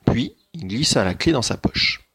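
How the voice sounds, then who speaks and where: Husky, gravelly male teacher reading a story. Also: mid-range voice, in a whisper. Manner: slow, expressive storytelling. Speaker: schoolteacher. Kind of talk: reading a children's story aloud.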